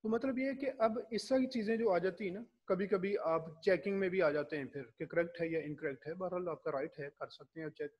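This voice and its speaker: Male lecturer, slightly raised pitch, husky tone, mixes English terms into his explanations, asks the class questions. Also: few pauses, lo-fi sound.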